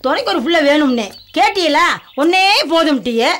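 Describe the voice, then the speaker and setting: An actress playing an older grandmother who loudly and sharply scolds the people around her. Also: high-pitched, lively intonation, brisk, a little hiss or hum. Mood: indignant. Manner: loud, scolding, sharp-tongued. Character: fierce scolding village grandmother. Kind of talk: film drama dialogue.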